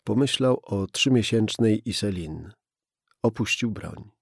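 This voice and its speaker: A man reading a tense crime audiobook in a measured way. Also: on the low side, animated, creaky, slightly rough, dry recording, clean studio sound. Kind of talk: scripted audiobook narration.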